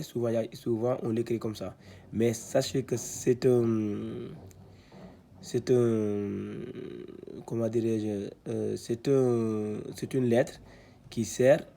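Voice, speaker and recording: A man teaching Quran reading in a slow step-by-step lesson, sounding out syllables and often restarting his sentences. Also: medium pitch, vocal fry, mellow, slightly rough. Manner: hesitant, many restarts and fillers, repeats syllables slowly.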